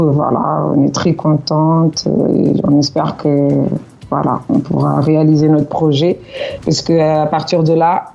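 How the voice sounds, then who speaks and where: A woman from Portugal with Cape Verdean parents appears as a guest on a radio interview in her role as an association president. Her voice is low, gravelly and mellow, with the highs cut off. She speaks earnestly and hesitantly, using many fillers.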